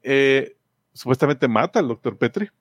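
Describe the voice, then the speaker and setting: A man's voice: mid-range voice, animated, moderate pace, no room sound, clean studio sound. A man, chatting casually and rambling through a comic book's story with many fillers and restarts.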